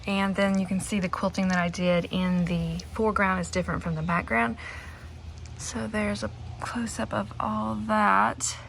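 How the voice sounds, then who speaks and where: A woman's voice: medium pitch, fairly even intonation, normal speed, gravelly, fairly bright tone, slight background noise, low-quality recording. A woman giving a casual, informal show-and-tell as a crafter, chatty and a little self-deprecating. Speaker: quilter presenting her own finished quilt.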